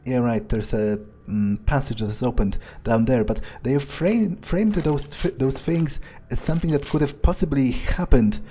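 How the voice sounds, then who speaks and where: With a dark, medium-pitched voice at normal speed and few pauses, a man provides in-character video game commentary as a gaming video creator. His musings are hesitant and sardonic, with casual swearing.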